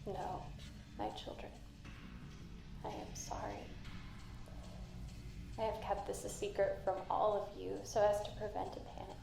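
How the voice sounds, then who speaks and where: A woman voicing an ailing, stern and motherly matriarch in a video game, warm and solemn through a static-laced speaker. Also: mid-range voice, little pitch movement, a little slow, vocal fry, long pauses. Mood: tender, sorrowful. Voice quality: warm, tender. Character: ailing motherly mushroom matriarch, tender but commanding. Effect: crackling intercom speaker static. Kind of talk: dramatic video game voice acting. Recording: echoing, staticky intercom sound.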